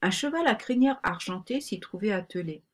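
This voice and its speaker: A woman narrating a children's storybook in a calm, even reading voice. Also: medium pitch, normal speed. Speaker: audiobook narrator. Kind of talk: scripted narration.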